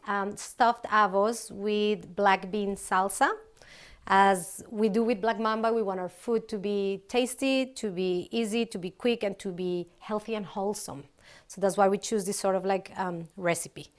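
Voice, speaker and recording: A middle-aged woman from Colombia, a company founder, casually presenting a cooking recipe in a large open kitchen, chatty with many ums and restarts. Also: medium pitch.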